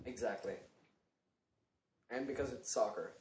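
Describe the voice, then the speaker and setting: A man's voice: mid-range voice, measured pace, a little mellow, slight background noise. An American man co-hosting a casual gaming chat, joking around and laughing a lot. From United States. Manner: jokey, laughs a lot, goofy asides. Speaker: podcast co-host.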